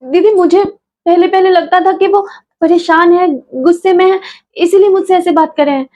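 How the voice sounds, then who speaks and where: A woman playing a soft-spoken, submissive daughter-in-law who is mistreated at home. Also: very high-pitched, moderate pace. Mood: distressed. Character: meek mistreated young wife and mother. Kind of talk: home-made family drama acting. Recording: dull lo-fi recording.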